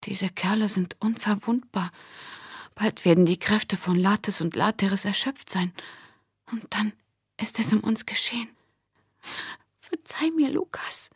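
A woman's voice: mid-range voice, measured pace, pauses often, husky, no echo, studio quality, voice pushed up. A woman voicing a frightened young girl who speaks in a choked, breathless whisper, in a whispered role-play of an audiobook. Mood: terrified.

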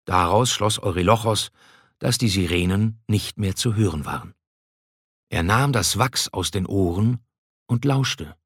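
A man narrating a scripted storybook in an even, measured way. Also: deep voice, breathy edge, dry recording, studio quality.

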